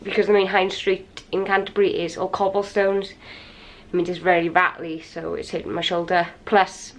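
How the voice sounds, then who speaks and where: A woman's voice: on the low side, flat delivery, moderate pace, a little hiss or hum. Tired, wheezy woman vlogging. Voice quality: slightly raspy. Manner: chatty, rambling, tired. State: wheezy and a little out of breath from a cold. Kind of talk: casual vlog chat to camera. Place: hotel room, indoors. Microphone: handheld camera.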